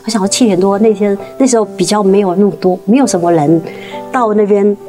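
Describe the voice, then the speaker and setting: A woman tells her faith testimony in an earnest, halting way, restarting and repeating words and climbing higher when the story gets tense. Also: dark tone, soft background music. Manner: rises sharply in pitch at tense moments. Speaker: guest sharing a faith testimony. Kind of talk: emotional personal storytelling.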